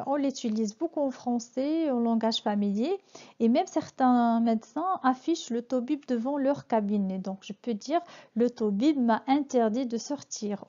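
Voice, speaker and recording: A woman from Morocco teaching a French lesson in a soft, mellow voice that sits a little high. She explains each word with hesitant pauses and fillers. The sound is dull and lo-fi. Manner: hesitant, many fillers and restarts.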